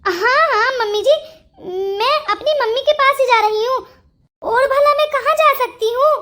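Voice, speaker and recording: A woman's voice: extremely high pitch, normal speed, pushed and bright. A woman voicing a scheming young wife in a Hindi cartoon story, pleading and sweetly insistent.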